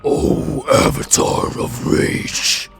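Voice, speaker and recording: A man voicing a huge, wrathful, hungry god in a tabletop game, with a deep, raspy, booming, grandiose bellow. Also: extremely slow, soft background music. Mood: wrathful, demanding. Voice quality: deep, gravelly, raspy roar. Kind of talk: tabletop game role-play.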